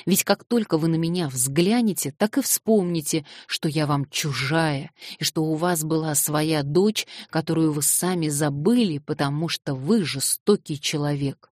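A woman's voice: deep voice, a little slow, hardly any pauses, dry recording, clean studio sound. A woman reading an audiobook voices a distraught young orphan girl who cries and refuses insistently. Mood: sobbing defiance. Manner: crying, shouting, insistent refusals.

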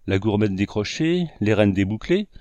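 A man's voice: on the low side, sing-song, normal speed, darkish tone, no room sound, muffled recording. A man voicing a startled, anxious grown man who speaks in abrupt exclamations.

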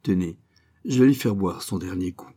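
A man reading a story aloud, voicing a kindly farmer who talks fondly and heartily to a pet bird in a raised, lively voice. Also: low-pitched, moderate pace. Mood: warm, jovial. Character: kindly good-humored male farmer, tender with a pet bird. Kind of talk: storybook character voice.

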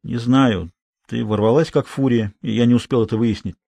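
A man's voice: mid-range voice, steady tone, moderate pace, vocal fry, warm tone, no room sound. A man doing a sulky young boy. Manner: sulky, defensive.

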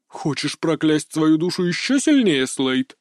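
A man's voice: a little high, big pitch swings, unhurried, dry recording, studio quality. A man voicing a huge, haughty talking ginger cat in an audiobook, sulky and bargaining. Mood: lazy. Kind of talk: audiobook character voice.

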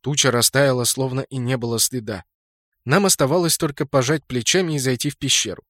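Guy narrating a gamer fantasy audiobook, mid pitch, really dry recording. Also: fairly quick, a bit bright, dry recording. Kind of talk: scripted narration of fantasy game fiction.

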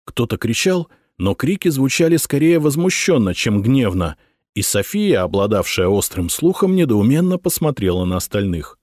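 Brief: male audiobook reader, lively intonation, dry close-mic sound. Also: medium pitch, normal speed, no echo. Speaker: audiobook narrator. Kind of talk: scripted narration.

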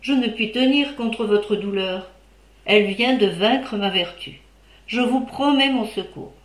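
A woman's voice: a little high, measured pace, close to an everyday voice. A woman voicing an upright old male squire who scolds his mistress with indignation. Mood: moved. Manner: indignant, then softened. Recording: roomy echo.

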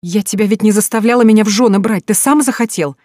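A narrator doing a terrified, pleading young wife. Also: female voice, mid-range voice, fast, a little mellow, no echo, clean studio sound, voice pushed up, lightly acted. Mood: desperate pleading. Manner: pleading, crying out.

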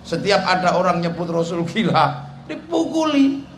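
A man's voice: sits high, normal speed. A man preaching a humorous sermon, telling a story and acting out the dialogue. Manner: animated, joking, acts out dialogue. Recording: echoey hall with crowd noise.

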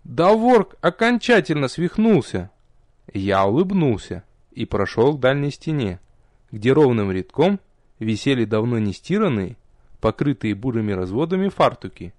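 A man narrating a first-person fantasy audiobook with a lively, expressive reading. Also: medium pitch, moderate pace, dry recording, studio quality.

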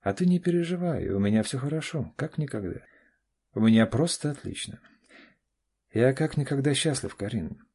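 A man's voice: mid-range voice, animated, moderate pace, warm tone, slightly rough, voice pushed up. A man voicing a firm, self-assured middle-aged father in an audiobook, speaking curtly and clipped. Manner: curt and clipped. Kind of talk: audiobook character voice.

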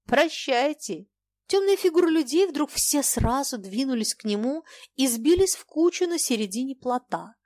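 A woman narrates a classic novel in an expressive, measured reading. Her voice sits somewhat high. The sound is dry and close, with no room around it. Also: no room sound. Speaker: audiobook narrator.

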